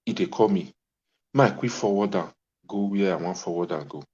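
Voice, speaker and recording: A deep, slightly mellow male voice at a normal pace belongs to a talk show host with a Nigerian accent. He rants to his audience in informal Pidgin, impassioned and exclamatory, repeating phrases insistently. Audio is dull and lo-fi.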